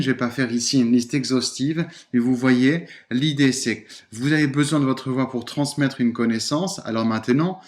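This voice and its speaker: Guy voice coach doing a podcast lesson, mid pitch, bouncy lively intonation, leans on stressed syllables. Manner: expressive, plays with intonation and stress while demonstrating. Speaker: voice and public speaking coach.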